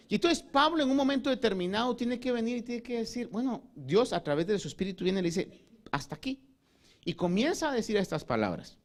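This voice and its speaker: A man preaching a sermon as pastor. He often addresses his listeners as "hermano" and slows down to stress key words. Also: high-pitched.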